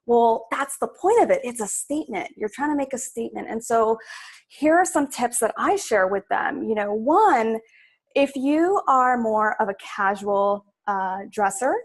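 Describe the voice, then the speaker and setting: A woman's voice: on the high side, animated, unhurried. A young adult woman from Sudan, a stylist guest, talking chattily in a casual interview with many fillers.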